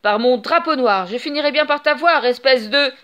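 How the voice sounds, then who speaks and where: A woman's voice: fairly high pitch, lively intonation, a little slow, fairly bright tone. A woman voicing a boastful male pirate captain, mocking and threatening in a storybook reading. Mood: furious.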